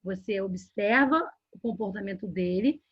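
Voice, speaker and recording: Husky Brazilian woman teaching a workshop. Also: medium pitch, normal speed, dry recording. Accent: Brazilian Portuguese. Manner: explanatory, with frequent "né?" and "tá?" checks. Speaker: workshop instructor. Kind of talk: live workshop lesson. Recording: dull lo-fi sound.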